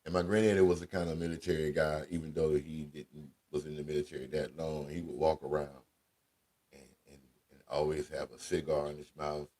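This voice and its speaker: A man with a deep voice, telling casual family stories as a radio show host, laid-back and conversational with slang. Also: level tone, fairly quick, dark tone, slight background noise. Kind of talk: casual storytelling monologue.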